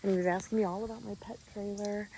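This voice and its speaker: A woman's voice: mid-range voice, fairly even intonation, quick pace, warm tone, slight background noise, poor audio. Chatty woman vlogging on a trail. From Missouri. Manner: chatty, talks to her dog as she goes. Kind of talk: casual on-camera vlog chat. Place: outdoors on a gravel trail.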